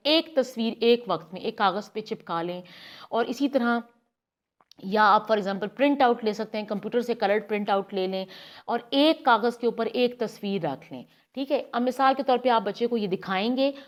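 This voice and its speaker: A woman, guiding parents step by step and demonstrating words slowly. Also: on the high side. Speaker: speech therapy guide for parents. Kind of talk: instructional demonstration.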